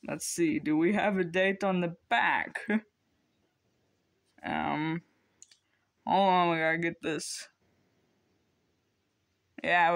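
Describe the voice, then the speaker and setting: A teenage vlogger with a high, slightly bright voice unboxes secondhand discs at home. He chats casually and hesitantly, rambling with lots of ums.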